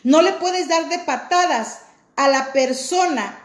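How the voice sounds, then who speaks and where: A woman's voice: high voice, takes it slowly, roomy sound. A woman giving an impassioned political monologue, making emphatic rhetorical appeals to her listeners.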